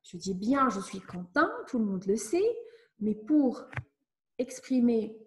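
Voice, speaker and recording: A woman teacher giving a lesson to children, speaking slowly and clearly as she explains each step. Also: fairly high pitch, lively intonation, darkish tone. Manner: slow, clear, instructive. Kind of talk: classroom lesson narration.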